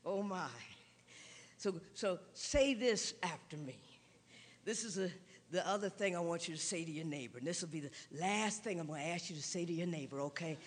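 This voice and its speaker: A man preaching a sermon, building from slow, quiet telling to drawn-out shouted emphasis. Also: a little high. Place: large church hall. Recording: long reverb in a large hall.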